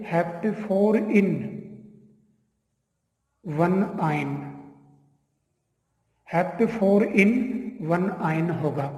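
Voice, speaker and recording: Slow, high-voiced man teaching chemistry. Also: darkish tone. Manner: counts carbons aloud one by one, explaining patiently. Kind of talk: slow step-by-step chemistry lesson. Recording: echoey room with long reverb.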